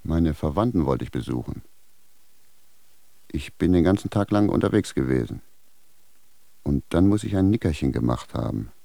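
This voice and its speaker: An actor playing a confused, blunt village shoemaker who speaks plainly and indignantly in a radio drama. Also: male voice, rumbling low, expressive, normal speed, creaky, pauses often, dark tone, no echo, full character voice. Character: bewildered male village shoemaker, blunt, stubborn.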